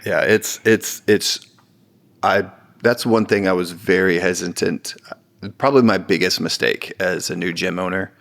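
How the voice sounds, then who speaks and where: A man in his forties, a kids' coach and gym owner, talking in a measured, firm way as an interview guest. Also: sits low, fairly even intonation, gravelly, a bit bright. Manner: measured and firm, agreeing with short affirmations. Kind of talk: casual interview talk.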